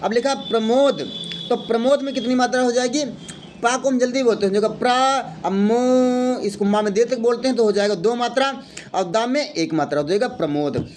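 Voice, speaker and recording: A man with a high voice teaches a lesson step by step, counting out loud and posing questions that he answers himself. A faint hum of room noise sits behind him. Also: moderate pace. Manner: explains step by step, counting aloud and asking then answering his own questions. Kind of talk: Hindi grammar lesson.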